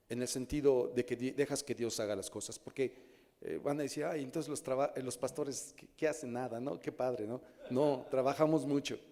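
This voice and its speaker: Mexican pastor preaching in a reverberant hall. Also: male voice, medium pitch, dark tone. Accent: Mexican Spanish. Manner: conversational preaching, asks listeners questions. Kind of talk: sermon. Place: church hall. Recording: church hall with long reverb.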